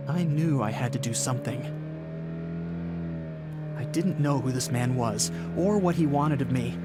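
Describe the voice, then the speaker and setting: In a radio drama with first-person narration, a male actor with a mid-range, everyday-sounding voice plays a haunted, desperate young cross-country driver who is unravelling. He's earnest and halting, stammering when agitated, in a grim mood. Dramatic music and car sounds play behind his voice.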